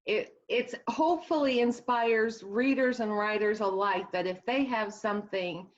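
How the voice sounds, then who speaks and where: A woman's voice: on the high side, unhurried. A woman with a Midwestern accent, an author talking earnestly about her work in a casual interview, rambling a little with restarts. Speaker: author guest. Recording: dull lo-fi sound.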